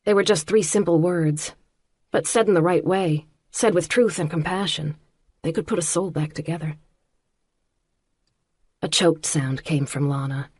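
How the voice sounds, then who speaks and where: Low, husky woman narrating. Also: no room sound. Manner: measured, quietly intimate reading. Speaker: audiobook narrator. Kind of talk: first-person audiobook narration.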